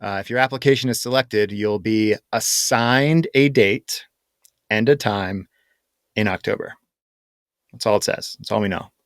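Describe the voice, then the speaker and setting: A man co-hosting a podcast, talking casually and explaining things with many fillers and pauses. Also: fairly low pitch, no echo, clean studio sound. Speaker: podcast co-host. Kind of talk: casual chat.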